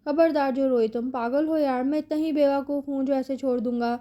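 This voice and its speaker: A woman's voice: high voice, steady tone, mellow, lightly acted. A woman reading the lines of a young husband in a romance storybook, speaking in a clipped, restrained way. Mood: tender teasing. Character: stern young husband, coldly furious.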